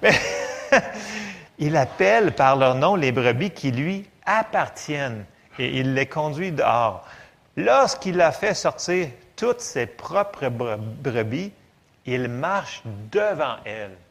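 A man with a Quebec French accent preaching a sermon in a lively, conversational way with jokes. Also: medium pitch, slow, gravelly.

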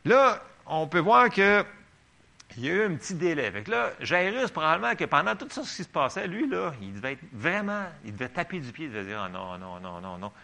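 A man's voice: high voice, very animated, a little fast, vocal fry, pushed and bright. A man with a Québécois French accent preaching a sermon, reading Bible verses and chatting with the congregation in asides. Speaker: pastor.

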